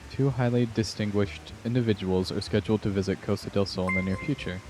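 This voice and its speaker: A man's voice: fairly low pitch, fast, noisy background, natural voice. A man voicing a haughty, self-important employer from a fantasy game, reading out formal lines in a pompous manner.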